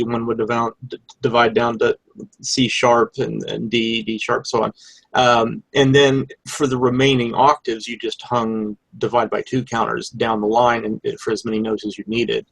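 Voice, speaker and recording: A man explains electronics in an informal show-and-tell style. His voice is gravelly and rough-edged, with a husky tone. The sound is dry, with little room around it. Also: mid-range voice, dry recording, rough recording. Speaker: electronics hobbyist presenter. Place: live online hangout with screen share.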